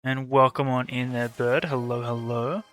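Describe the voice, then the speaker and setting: A male game streamer chatting casually on a live stream, greeting viewers by name in an easygoing, low-key way. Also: little pitch movement, normal speed, a bit bright, faint music behind. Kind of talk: casual live-stream chat while playing.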